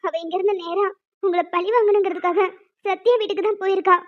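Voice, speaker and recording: A woman's voice: extremely high pitch, fairly even intonation, fast. A woman voicing an anxious young woman who earnestly begs a man for help in a cartoon. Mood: pleading. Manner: earnest, begging. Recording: dull lo-fi recording.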